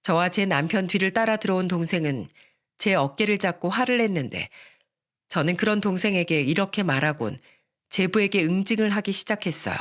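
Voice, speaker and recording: A woman narrating a scripted first-person story in a steady, even way. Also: lowish voice, a little fast.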